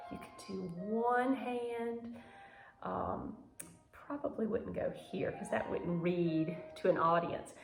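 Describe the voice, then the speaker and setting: With a slightly mellow, mid-range voice, a woman leads a pantomime and ballet lesson for video, demonstrating and emphasizing her words dramatically. The recording has an echoey room sound with music.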